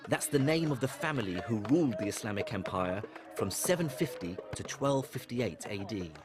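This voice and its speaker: A middle-aged man from Iraq, presenting a documentary in a measured, storytelling narration. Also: on the low side, expressive, over a noisy crowd, heavy background noise. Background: music.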